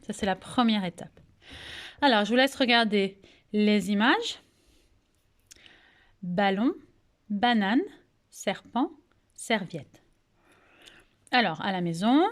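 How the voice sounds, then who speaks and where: A woman with a French accent teaches little children over video, taking her time with every word. She speaks in a measured, unhurried rhythm and articulates each syllable with care. She asks patient questions and praises the answers. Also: medium pitch, lively intonation. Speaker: kindergarten teacher. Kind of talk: remote phonics lesson for young children.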